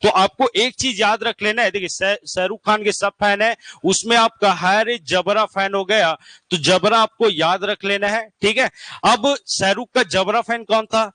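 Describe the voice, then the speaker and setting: A man's voice: sits high, steady tone, moderate pace, pushed and bright, no room sound. A man teaching an exam-prep lecture, drilling points by asking questions and answering them himself, often checking if the class follows. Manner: repetitive call-and-response drilling, asks and answers himself.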